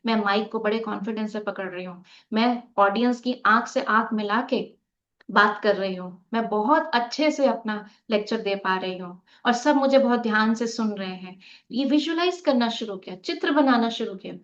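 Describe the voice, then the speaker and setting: Woman meditation teacher, fairly high voice, live online class over muffled video-call audio, rhetorical questions. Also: normal speed. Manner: asks rhetorical questions and leads a group activity; mixes in English words.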